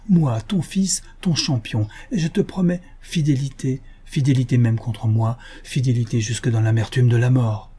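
A man's voice: medium pitch, warm tone, husky, close to an everyday voice. A man voicing a proud young frontier hero in an audiobook, declaiming with impassioned, ringing force. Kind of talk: audiobook character voice.

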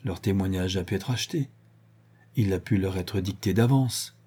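A man's voice: low voice, moderate pace, dark tone, husky. A man reading the part of a solemn, devout Breton peasant woman in an audiobook. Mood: grave. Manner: solemn, fervent.

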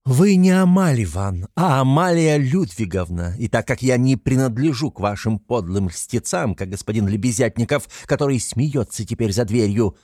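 A man reading aloud, voicing a frantic, proud, sickly mother who speaks in a rapid, shrill, breathless patter. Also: expressive, a little mellow, no echo, studio quality. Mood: indignant.

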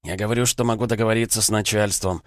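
A man's voice: on the low side, fairly even intonation, fast, no room sound, studio quality, voice pushed up, lightly acted. A man voicing a sly, wheedling little male crossroads demon, speaking in an ingratiating, self-pitying way in an audiobook.

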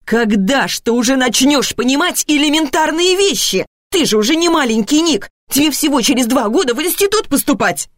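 A woman voicing a harried, sharp-tongued mother who scolds her son in a raised voice. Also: fairly high pitch, sing-song, normal speed, no room sound, clean studio sound. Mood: scolding. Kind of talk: audiobook dialogue reading.

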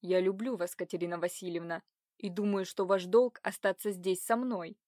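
A woman voicing a stern, possessive young man who speaks slowly, low and cold. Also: fairly even intonation, mellow, dry recording, studio quality, close to an everyday voice.

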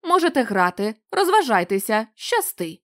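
A woman's voice: a little high, big pitch swings, moderate pace, a bit bright, no room sound, clean studio sound. A woman reading the part of menacing bouncers who speak curtly with a growl. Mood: gruff. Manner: gruff, growling, curt. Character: gruff, menacing casino bouncers.

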